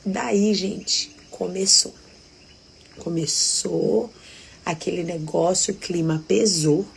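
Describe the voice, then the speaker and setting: Gravelly low-voiced Brazilian woman. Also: slow pace, a little hiss or hum. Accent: Brazilian Portuguese. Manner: intimate, drops to hushed half-whisper. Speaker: devotional host. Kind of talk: live devotional storytelling. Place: living room at home at night.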